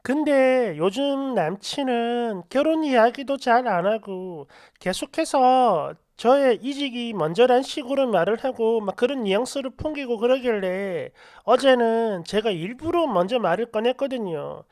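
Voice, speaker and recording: A woman narrating a first-person story in an animated, aggrieved manner, speaking straight to the listener. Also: on the high side, measured pace, hardly any pauses, dry recording, clean studio sound.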